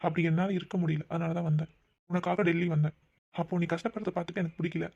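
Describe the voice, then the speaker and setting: A man's voice: fairly high pitch, fairly even intonation, fast, gravelly, a little mellow, husky. A man voicing a defensive, pleading young boyfriend in a cartoon, in a dull, dry, lo-fi recording. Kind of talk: cartoon voice acting.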